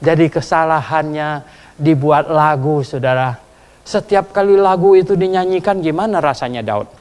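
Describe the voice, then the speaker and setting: A pastor preaching a sermon, telling stories animatedly and asking the congregation rhetorical questions. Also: male voice, on the high side, normal speed, a little mellow. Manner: laughs while telling. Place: church hall. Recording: reverberant church hall.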